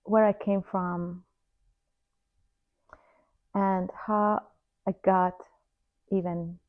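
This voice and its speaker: A woman in her forties from Iran tells her life story in a slow, reflective, heartfelt way. Her voice sits at a middle pitch. The recording sounds a little dull and lo-fi. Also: flat delivery. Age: 40s. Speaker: vlogger. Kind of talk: personal life story told to camera.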